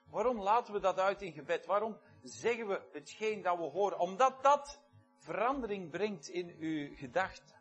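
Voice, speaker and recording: A man's voice: a little high, fairly bright tone. A man preaching a sermon, talking conversationally, listing words one by one and asking the congregation questions. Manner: conversational, repeats key words in lists, asks the congregation questions.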